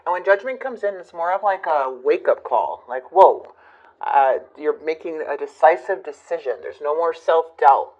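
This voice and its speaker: A woman reading tarot cards for her channel, talking reflectively with many fillers and pauses. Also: deep voice, lively intonation, a little mellow, muffled recording. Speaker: tarot reader.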